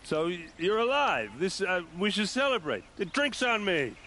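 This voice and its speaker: An actor playing a bitter, tipsy guard captain in grief in a video game, gruff and halting. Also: male voice, sits high, very animated, bright, forceful tone, slight background noise, exaggerated voice. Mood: elated.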